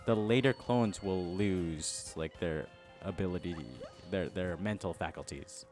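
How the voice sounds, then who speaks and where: Man, low voice, rambling halting storyteller, casual gaming chat, faint music behind. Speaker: podcast co-host.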